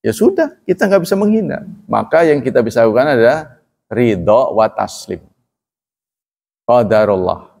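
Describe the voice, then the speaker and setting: A man's voice: medium pitch, very animated, moderate pace, gravelly, a little mellow, breathy edge. A man with an Indonesian accent preaching a sermon in a conversational, joking way, full of rhetorical questions. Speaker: Islamic preacher. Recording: echoey hall with long reverb.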